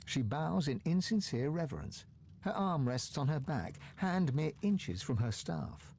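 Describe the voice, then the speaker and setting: A man playing a dramatic storyteller, narrating a fantasy video game in a measured, theatrical way. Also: a little high, very animated, a little mellow, slight background noise.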